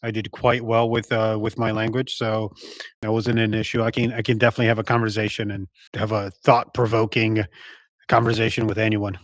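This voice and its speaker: A man's voice: lowish voice, little pitch movement, fairly quick, dry recording. Reflective man in his forties, dry sound. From Poland. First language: Polish. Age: 40s. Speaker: podcast guest. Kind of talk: casual interview.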